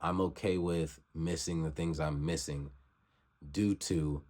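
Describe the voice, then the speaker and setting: A young man in his twenties with a very low voice gives a motivational vlog talk. He preaches in circles and keeps circling back to the same urging lines. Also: fairly even intonation, takes it slowly, darkish tone. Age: 20s. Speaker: vlogger.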